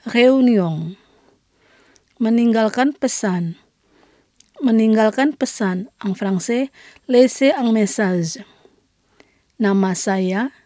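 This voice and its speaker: A woman presenting a scripted radio language lesson, saying each phrase slowly twice and then translating it. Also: mid-range voice, mellow, no room sound, clean studio sound.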